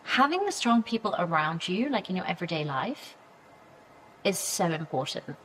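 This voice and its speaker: A woman's voice: on the low side, sing-song, normal speed, fairly bright tone, slight background noise, poor audio. A woman in her thirties, a PR agency founder, talking as a podcast guest in a loose, chatty way, full of fillers and acted-out quotes of her own reactions. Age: 30s. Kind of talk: casual interview conversation.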